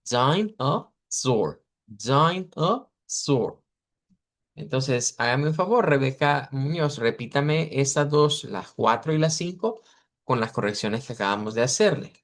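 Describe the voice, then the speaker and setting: A man teaching an English pronunciation class over a video call, patiently repeating model words slowly for his students. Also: mid-range voice, animated. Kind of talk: online class correcting students.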